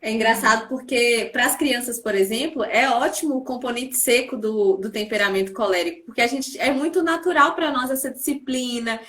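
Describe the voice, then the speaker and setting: A woman with a Brazilian Portuguese accent hosting a casual live conversation, explaining calmly with brief agreeing interjections. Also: fairly high pitch, moderate pace, hardly any pauses.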